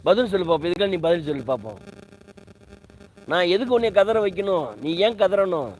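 A man's voice: sits high, brisk, a little hiss or hum, rough recording. Indignant man ranting on a livestream. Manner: indignant, repetitive, rhetorical questions. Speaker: live streamer. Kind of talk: heated livestream rant.

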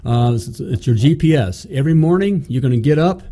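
"Okay?" and "you know" punctuate the speech of a middle-aged man hosting a motivational business show in an indoor studio. He's animated and fairly quick, with a mellow, mid-range voice, speaking emphatically into a stand-mounted studio mic.

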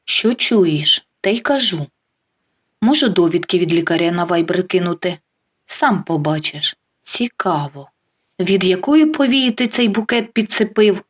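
A woman's voice: fairly low pitch, lively intonation, unhurried. A woman playing a dry, mocking wife. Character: calm, sharp-tongued wife getting even.

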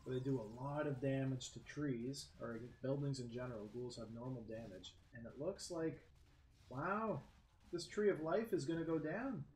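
A man commentating a strategy game match, lively play-by-play that jumps up in excitement. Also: medium pitch, normal speed. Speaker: game caster. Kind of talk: esports commentary. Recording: echoey room with faint background noise.

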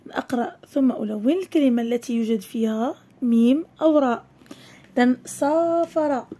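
A woman teaching a primary school Arabic lesson, stretching words slowly syllable by syllable for young pupils. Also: fairly high pitch, warm tone. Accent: Moroccan Arabic.

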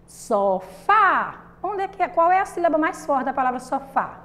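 A woman teaching a primary school lesson to children with a Brazilian Portuguese accent, patient and repetitive, asking the class questions and drawing out syllables. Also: high-pitched. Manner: patient, repeats and asks the class questions, drawn-out sung syllables.

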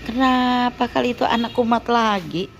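A woman's voice: fairly high pitch, moderate pace, vocal fry. A woman, a caretaker chatting casually, calling out names and teasing. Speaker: caretaker at a care home. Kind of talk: casual chat. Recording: faint background noise.

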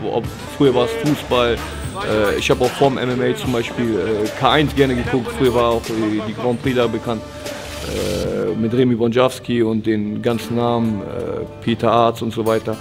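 A man's voice: medium pitch, moderate pace, creaky, music in the background. A man in his twenties, an MMA fighter, talking casually in an interview, with lots of fillers and restarts. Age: 20s. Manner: relaxed, frequent fillers and restarts. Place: training gym, indoors.

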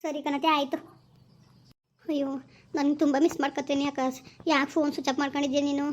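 High fast fretful young village girl, woman acting, rural kannada accent, sighs and tuts. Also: little pitch movement, lo-fi sound, a little hiss or hum, lightly acted. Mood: anxious.

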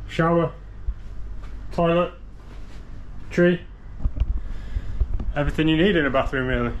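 A man's voice: medium pitch, slight background noise, low-quality recording. A man in his thirties vlogging while travelling, chatty and upbeat, speaking to an action camera at arm's length. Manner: chatty, upbeat, laughs often. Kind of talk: casual vlog to camera. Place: outdoors on streets, station and beach. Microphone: action camera held at arm's length.

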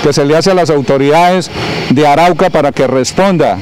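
A middle-aged man speaks outdoors into a handheld reporter mic, his voice sitting a little high. He sounds earnest and indignant, hammering his points home by repeating phrases. Street and traffic noise runs clearly underneath. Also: normal speed, a little mellow. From Colombia. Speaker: community leader. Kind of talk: street interview. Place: outdoors by a building in town.

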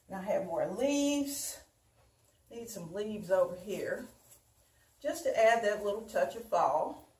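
An older woman talks slowly and easily, walking viewers through her work as she goes. Her voice sits at a middle pitch and comes from across the room. The room adds a roomy echo. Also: mellow, recorded from a distance. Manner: chatty, unhurried, talks while working with her hands. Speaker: home decor host. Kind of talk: casual how-to demonstration. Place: dining room at home, indoors. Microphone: camera mic from across the room.

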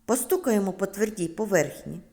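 A Ukrainian-accented kindergarten teacher leads a lesson for preschoolers, her slow, clear, sing-song voice stretching out sounds. She has a mid-range, slightly mellow voice with lively intonation.

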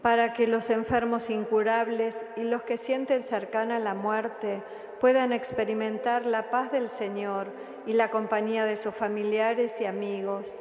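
A woman serving as lay reader at Mass, reading the prayers of the faithful in a measured, even way, with a cathedral echo around her voice. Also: fairly high pitch. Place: large church. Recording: echoey church with long reverb.

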